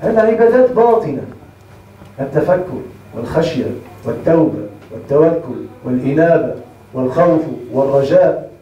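A man's voice: on the high side, animated, brisk, lo-fi sound, slight background noise. A man with a Tunisian Arabic accent teaching a class on Islamic creed. He keeps stopping to check that his students have understood. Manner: checks understanding often with rhetorical questions. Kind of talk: classroom lecture. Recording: echoey room, mic far off.

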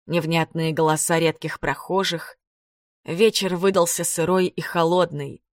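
A woman narrating a novel in a calm, even storytelling manner. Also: on the low side, no room sound, clean studio sound. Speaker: audiobook reader. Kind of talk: scripted narration.

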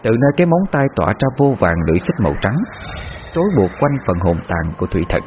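Lively low-voiced man telling a tale. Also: noisy background. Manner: measured, dramatic. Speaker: storyteller. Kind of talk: dramatic folk tale narration. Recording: muffled, with long reverb.

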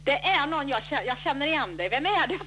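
A wary woman answers curtly and with suspicion. Her voice is high and lively, with a faint hum behind it. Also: heavily acted. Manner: curt and suspicious. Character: wary, curt woman Gunilla.

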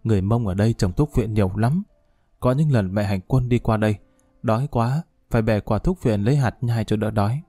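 A man's voice: fairly low pitch, a little fast, mellow, no room sound, natural voice. A man voicing an elderly woman, a tender, grieving mother figure with a choked, tearful tone, in an audiobook drama reading. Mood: gentle. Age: older.

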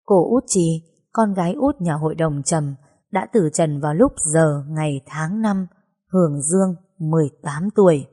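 A woman reading a first-person story aloud in a sorrowful, measured way. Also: low-pitched, mellow. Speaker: narrator.

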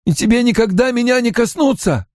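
A man voicing a defiant, tormented young fantasy hero in an audiobook, with a hoarse, strained voice. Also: very high-pitched, animated, fairly quick, darkish tone, dry recording, clean studio sound, voice pushed up. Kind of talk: dramatic audiobook character voice.

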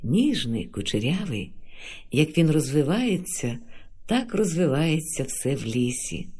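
Male narrator, expressive read-aloud of a play, lilting. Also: fairly high pitch, a little slow, slightly rough.

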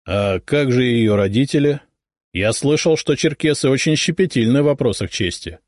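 A man reading an audiobook, voicing a calm, thoughtful middle-aged aristocratic father. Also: medium pitch, no room sound, studio quality, voice pushed up, lightly acted. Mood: pensive. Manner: pensive, measured.

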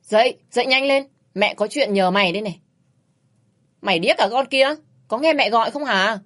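A woman voicing a loud, bossy, nagging middle-aged mother who scolds her grown daughter coarsely. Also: mid-range voice, moderate pace, natural voice. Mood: scolding.

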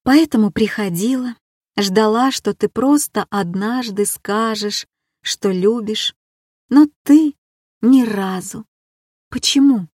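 A woman's voice: on the high side, slow pace, darkish tone, no echo, clean studio sound. A woman reading an audiobook and voicing a weary, bitter woman who reproaches her lover with probing questions. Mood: yearning.

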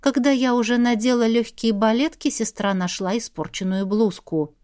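A woman narrating a fantasy audiobook in the first person. Her reading is calm and expressive. Her voice sits slightly high. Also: normal speed, no echo, studio quality.

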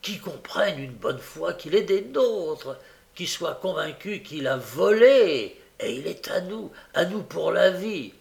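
A cunning old receiver of stolen goods, wheedling and fawning, who stammers and sometimes drops to a hush, as a male narrator puts him on. His voice is gravelly and slow. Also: high voice, animated, voice pushed up, full character voice. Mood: gloating, hushed. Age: older. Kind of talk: audiobook character reading.

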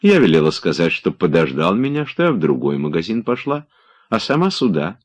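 Man putting on a young woman, teasing and light, lively swings in pitch, storybook reading. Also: fairly quick. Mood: playful.

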